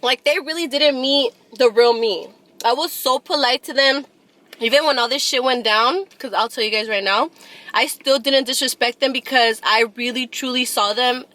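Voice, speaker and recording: A woman's voice: sits high, moderate pace, pushed and bright. A woman in her twenties casually telling a long personal story, blunt and profane. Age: 20s.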